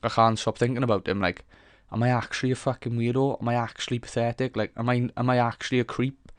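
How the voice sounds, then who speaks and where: A man's voice: mid-range voice, little pitch movement, fast, dry recording. A young man hosting a casual solo podcast, rambling frankly with lots of swearing, fillers and restarts as he thinks aloud. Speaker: podcast host.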